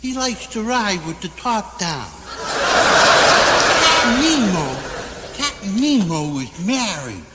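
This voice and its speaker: A goofy high-pitched barfly. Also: male voice, very animated, takes it slowly, long pauses, heavy background noise, exaggerated voice. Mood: rambling. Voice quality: high, nasal, childlike silly voice. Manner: rambling joke-telling with groan-worthy puns. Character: goofy, dim-witted, sweet-natured barfly man. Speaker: comic barroom character. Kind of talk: 1960s TV sketch comedy. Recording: echoey 1960s TV studio stage. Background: studio audience laughter.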